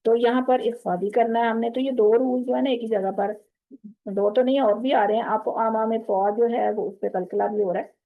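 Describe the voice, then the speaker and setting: A woman's voice: fairly high pitch, fairly even intonation, moderate pace, phone-quality sound. A woman with a Pakistani Urdu accent teaching Quran recitation rules online, explaining patiently and quizzing her students. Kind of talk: online tajweed lesson to women students.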